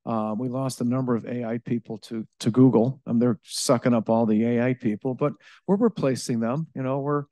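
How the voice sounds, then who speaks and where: Taking questions from the audience after a live talk, a man who directs innovation at a utility speaks with a dark, mellow mid-range voice and fairly flat intonation. His delivery is choppy, packed with "um," false starts and a recurring "okay?" The sound is close and dry, without any room ambience.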